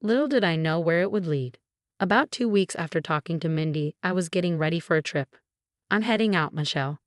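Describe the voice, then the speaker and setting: A woman narrating a first-person story in a calm, even way, her voice set fairly low. The recording is dry and close, with no room sound. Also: brisk, no room sound.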